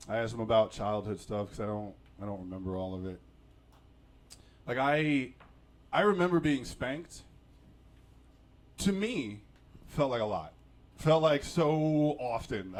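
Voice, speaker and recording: Self-mocking man, laughing often. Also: mid-range voice. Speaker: podcast host. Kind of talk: reflective personal monologue.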